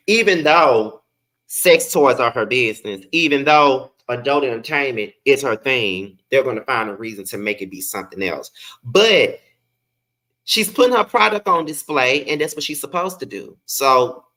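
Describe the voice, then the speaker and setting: Bright-voiced man with a noticeable lisp. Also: medium pitch, animated, normal speed. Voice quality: lisp, slushy sibilants. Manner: sassy, slangy, emphatic with swearing. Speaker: reality TV review host. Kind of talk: casual live commentary, chatty.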